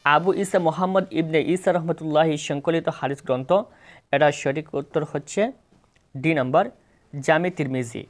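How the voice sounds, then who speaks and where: A Bangladeshi Bengali-accented man reads exam multiple-choice questions and answers in a steady, plain way at normal speed, sometimes correcting himself. His pitch is fairly high.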